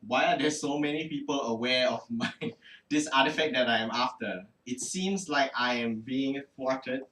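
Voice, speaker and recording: A man's voice: medium pitch, moderate pace, pushed and bright, natural voice. A man voicing an earnest, frustrated male knight with formal, stiff speech. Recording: roomy, distant mic.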